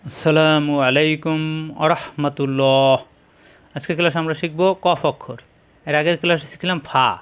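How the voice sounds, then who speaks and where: High-voiced man drilling letter sounds. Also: fairly even intonation, fairly bright tone, clear, resonant tone. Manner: repeats syllables slowly, corrects pronunciation. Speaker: Quran reading teacher. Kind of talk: slow drilled lesson.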